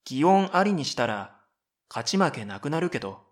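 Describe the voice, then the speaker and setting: Here a man with a slightly high, sing-song voice plays a middle-school boy in a comedic radio drama, speaking at normal speed. The boy is dry-witted and exasperated, narrating and answering back matter-of-factly.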